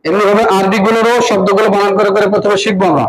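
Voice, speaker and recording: High-voiced Bengali man teaching recitation. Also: little pitch movement. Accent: Bangladeshi Bengali. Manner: spells out syllables slowly, leads call-and-response drills. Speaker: Quran teacher. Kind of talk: classroom recitation lesson. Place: classroom with students. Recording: echoey room, crowd noise.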